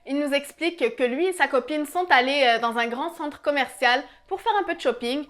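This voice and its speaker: A woman's voice: sits high, moderate pace, a bit bright. A young woman casually narrating a true scary story, chatty with many fillers.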